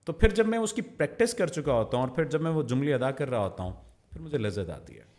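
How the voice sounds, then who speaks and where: A man, a voice-over artist giving a reflective podcast interview, measured, quoting poets and slowing down for emphasis. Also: mid-range voice, sing-song, darkish tone. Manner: measured, quotes poets and sayings, slows for emphasis.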